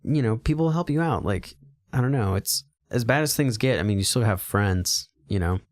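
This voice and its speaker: A man's voice: fairly low pitch, expressive, moderate pace. Friendly, reassuring man. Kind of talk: casual chat.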